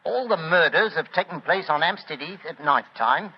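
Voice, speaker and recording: A harried English police inspector, earnest and emphatic. His voice is creaky and gravelly. It comes from a muffled 1940s radio drama. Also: fairly high pitch, expressive, normal speed. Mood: reporting. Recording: dull 1940s radio recording.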